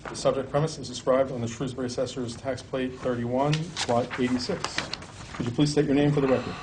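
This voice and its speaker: A man chairing a town board hearing, reading legal notices aloud in a steady, procedural way, recorded in a public hearing room. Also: mid-range voice, a little fast, background noise. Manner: steady, procedural, monotone delivery.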